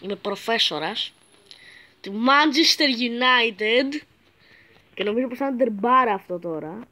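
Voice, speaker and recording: A male YouTuber giving joking, crude gameplay commentary that bursts into excited shouts. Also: extremely high pitch, rough recording. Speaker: gaming YouTuber.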